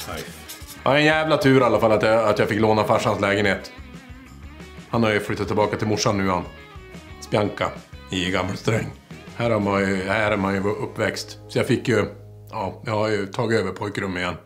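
A man's voice: lowish voice, steady tone, a bit bright, soft background music, close to an everyday voice. A man playing a boastful, petty small-town wannabe rock singer who rambles and swears constantly, speaking with a small-town Swedish accent. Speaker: comedic character, aspiring songwriter. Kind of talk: mockumentary comedy monologue to camera.

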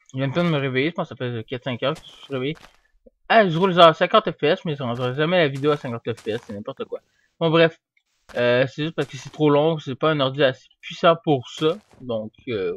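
A young man giving casual, rambling commentary while he plays, getting excited and yelling at the game now and then. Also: mid-range voice. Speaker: gamer. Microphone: desk microphone. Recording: dull, dry home mic.

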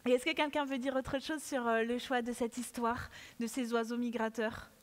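A woman's voice: a little high, normal speed. A woman hosting a children's award ceremony, playful and coaxing the audience to join in. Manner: animated, playful, coaxes the audience. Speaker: ceremony host. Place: large auditorium. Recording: echoey hall with audience.

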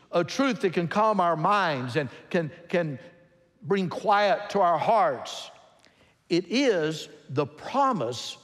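An older man, a pastor, preaching a sermon from a pulpit in a large church, expressive and emphatic. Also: sits high. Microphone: pulpit microphone. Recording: long church hall reverb.

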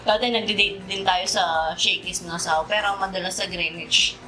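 A woman's voice: medium pitch, fairly even intonation, normal speed, rough recording. A woman vlogger chatting casually during a mukbang, talking with her mouth full of pizza as she savors the food. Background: background music.

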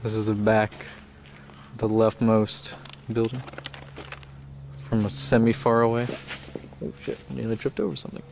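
A young man films himself exploring an abandoned factory, outdoors and inside, giving casual walking commentary in a laid-back, self-mocking way and chuckling often. His voice is lowish and creaky with little pitch movement, at normal speed with long pauses. It's captured on a handheld camera mic that picks up outdoor noise.

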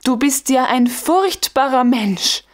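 A man's voice: very high-pitched, expressive, slow pace, voice pushed up, full character voice. A woman reading the lines of an indignant young male army officer in an audiobook, voicing shocked, rising exclamations. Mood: aghast. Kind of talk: audiobook dialogue.

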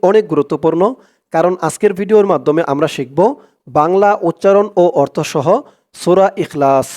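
A man teaching Quran recitation, spelling words letter by letter and chanting the verses slowly and drawn out. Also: high-pitched, warm tone. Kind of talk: slow spelled-out recitation lesson.

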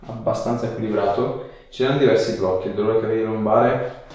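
In a small indoor clinic treatment room, a chiropractor coaxes his patient with brief, informal instructions alongside casual chat during hands-on work. His voice is lowish and darkish, steady in tone and a little fast. The small room gives the recording an echo.

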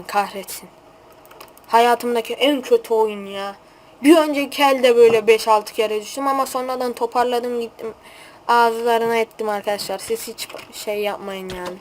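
Hot-tempered young female gamer, high voice. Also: a little hiss or hum. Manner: excitable, hot-tempered trash talk. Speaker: gaming channel host. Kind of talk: gameplay commentary.

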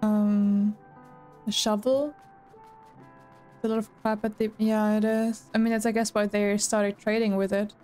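A woman's voice: mid-range voice, level tone, measured pace, pauses often, dark tone. A woman, chatting casually to her viewers while playing a game. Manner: chatty, talks to chat. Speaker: streamer. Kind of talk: casual gameplay commentary. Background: game music.

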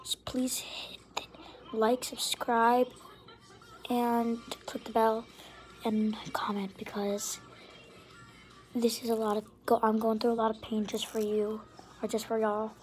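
A woman's voice: on the high side, flat delivery, a little slow, pauses often, a little mellow, faint music behind. A teenage girl or young woman vlogging to camera in a whiny, dramatic way, sometimes dropping to a whisper. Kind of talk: casual vlog talk to camera.

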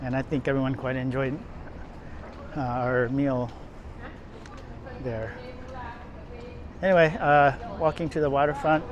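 A man with a medium-pitched, fairly even voice narrates an unhurried walking tour of city streets, pausing often, and the audio sounds dull. As an off-screen vlogger holding the camera, he rambles with many fillers and restarts amid crowd chatter and passing traffic.

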